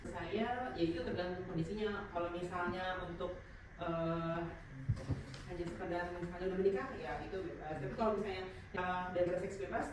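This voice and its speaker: A woman's voice: on the low side, steady tone, a little fast. A woman answering interview questions, hesitant with fillers. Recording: echoey distant noisy room.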